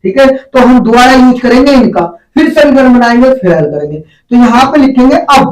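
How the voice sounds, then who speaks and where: A male math teacher with a very high, animated voice runs a call-and-response classroom lesson at normal speed, quizzing students and calling them "beta." The distant mic picks him up in an echoey room.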